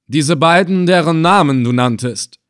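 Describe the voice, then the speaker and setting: A man voicing a cruel, scornful male slave trader in an audiobook, threatening and loud. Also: a little high, measured pace, voice pushed up, close to an everyday voice. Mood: commanding. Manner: sneering, threatening. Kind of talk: audiobook character voice.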